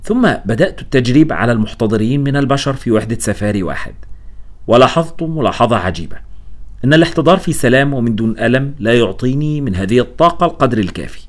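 A man's voice: medium pitch, natural voice. A man reading as a vain old genius scientist. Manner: proud, lecturing. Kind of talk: audiobook reading.

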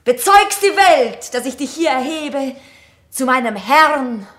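A woman's voice: high voice, lively intonation, slow pace, a bit bright, exaggerated voice. A woman playing an imperious, passionate noble lady in a classic theatrical radio play. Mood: grand, commanding.

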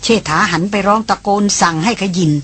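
A woman narrating a novel as an audiobook in a steady storytelling manner. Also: medium pitch, quick pace, slightly rough. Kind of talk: novel reading.

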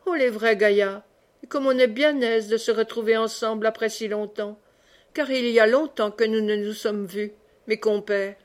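Merry brawling friar, read by a woman, rambling banter, fairly high voice, audiobook. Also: fairly even intonation, moderate pace, close to an everyday voice. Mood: jovial. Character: jovial brawling old friar, boastful and chatty. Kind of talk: audiobook character reading.

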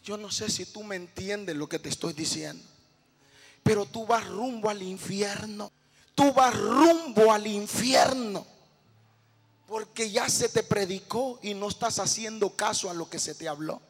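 A man preaching a sermon as a pastor, pleading and impassioned, at times swelling to shouts. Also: high-pitched, moderate pace, faint music behind. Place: church sanctuary. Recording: long church hall reverb.

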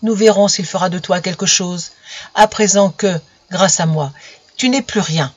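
A woman's voice: lowish voice, measured pace, slightly rough, dry recording. A woman voicing a stern, menacing old king of the winds in a storybook reading, in a dull lo-fi recording. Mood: wrathful.

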